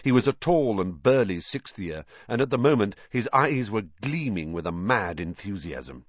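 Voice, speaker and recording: A man reading an audiobook in scripted narration, expressive and voicing the characters. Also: on the low side, moderate pace, no echo, dull audio.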